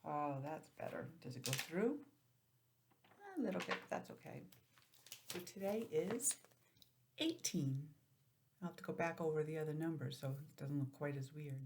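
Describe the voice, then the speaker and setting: A low, animated female voice moves at normal speed with frequent pauses amid a noisy background. She teaches preschool or the early grades and is leading a video-call calendar lesson for small children from her home laptop, questioning them and chatting along the way.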